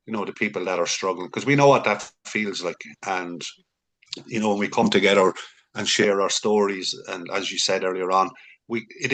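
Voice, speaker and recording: A man with a somewhat low voice co-hosting a podcast. He speaks earnestly and encouragingly, often doubling up his words. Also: fairly bright tone. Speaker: podcast co-host. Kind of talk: casual podcast chat.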